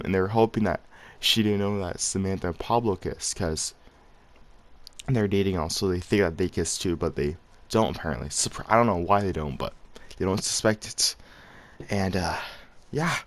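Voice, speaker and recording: Man, low voice, casual storytelling, slangy, rambling vlog talk. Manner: slangy, rambling, laughs while telling. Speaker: vlogger.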